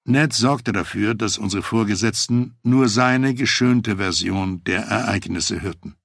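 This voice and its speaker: A man reading a first-person memoir aloud, telling the story in a measured, reflective way. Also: lowish voice, vocal fry, a bit bright, no echo, studio quality. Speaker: audiobook narrator.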